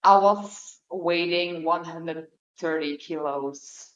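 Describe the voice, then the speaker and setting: Woman from the Netherlands, lowish voice, candid and hesitant, dull lo-fi recording. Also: slow. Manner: open, hesitant, many fillers. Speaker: podcast guest. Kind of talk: candid personal conversation. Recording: dull lo-fi audio.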